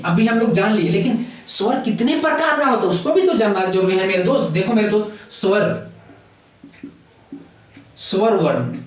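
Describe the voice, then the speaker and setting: A man's voice: high-pitched, far from the mic. A man teaching a competitive-exam grammar lesson, repeating words and telling viewers again and again to note it down. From India. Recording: echoey room, voice off-mic.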